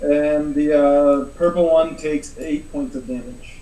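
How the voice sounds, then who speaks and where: A player chatting casually in a tabletop game, playful and quick to laugh. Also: female voice, deep voice, steady tone, roomy sound, distant mic, rough recording. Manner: playful, laughs a lot, shouts out.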